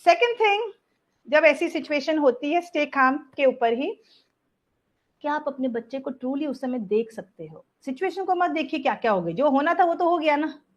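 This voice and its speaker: A woman's voice: high voice, expressive, normal speed. A woman leading a parenting workshop, mixing Hindi and English and often asking "right?". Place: workshop room with an audience. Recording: dull lo-fi recording.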